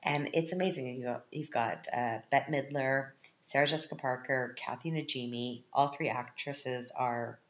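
A woman in her thirties hosts a podcast from home, chatting and rambling with frequent laughs. Her voice is extremely low, steady, and fairly bright, though stuffed-up, congested, and scratchy, and she talks at a moderate pace with few pauses. The recording is roomy, dull, and lo-fi.

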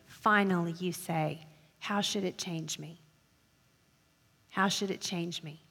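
A woman's voice: mid-range voice, a bit bright. Earnest woman preaching in a reverberant hall. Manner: earnest, emphatic, slows down for key phrases. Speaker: speaker addressing college women. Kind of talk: sermon.

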